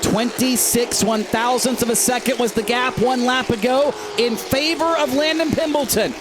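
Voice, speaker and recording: A man calling a stock car race live as lead announcer, with excited, emphatic play-by-play. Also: extremely high pitch, moderate pace. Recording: loud engine and track noise behind. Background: race cars and vehicle noise.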